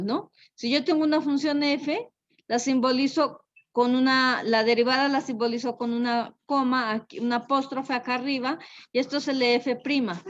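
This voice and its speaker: Woman, math teacher, slightly high voice, unhurried, thinking aloud, dull lo-fi recording. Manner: unhurried, thinks aloud, checks in with frequent tag questions. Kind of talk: explaining a math lesson.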